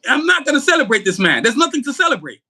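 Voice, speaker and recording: Very animated and fast, with a very high and slightly rough voice, this podcast co-host is furious about politics. His heated rant is full of cursing and emphasis, with occasional shouting.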